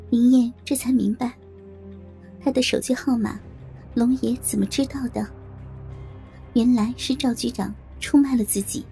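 A woman narrating an audio story in a steady reading voice. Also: a little high, creaky. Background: faint background music.

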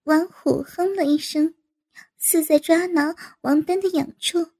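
A woman narrating a story at an unhurried pace. Her voice is high and mellow. She reads evenly and plainly. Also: fairly even intonation. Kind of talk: slow storytelling reading.

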